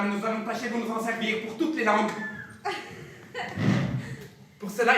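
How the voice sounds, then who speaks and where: An actor playing a pompous, irascible, domineering professor in an absurdist stage play, with insistent, emphatic delivery. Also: male voice, sits high, natural voice. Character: domineering, irascible, pedantic male professor who turns murderous. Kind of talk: absurdist theatre acting. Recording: very echoey room, distant microphone.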